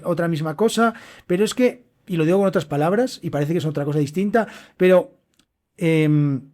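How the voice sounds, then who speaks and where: A man's voice: high-pitched, darkish tone. A man from hosting a casual solo podcast lesson, chatty and emphatic, often checking in with "¿vale?". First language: Spanish. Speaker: podcast host and Spanish teacher.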